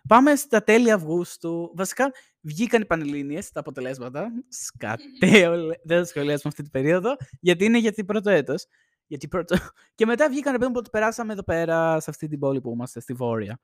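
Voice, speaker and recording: A young podcast host talks casually into one shared mic indoors at home, wandering off on tangents and laughing a lot. His voice runs on the high side and is very animated. The sound is clean studio quality with no room sound.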